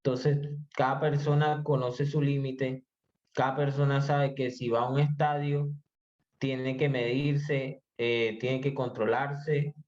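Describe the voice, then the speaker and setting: A man as an interview guest, explaining his views in a measured way, with frequent hesitations. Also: medium pitch, little pitch movement, a little mellow. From Colombia. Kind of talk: conversational podcast interview. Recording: slightly muffled audio.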